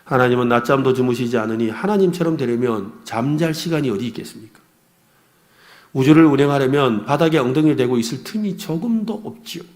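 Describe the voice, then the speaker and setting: A man's voice: mid-range voice, lively intonation, brisk, darkish tone. A middle-aged man, a pastor, preaching an earnest, confessional sermon with personal stories.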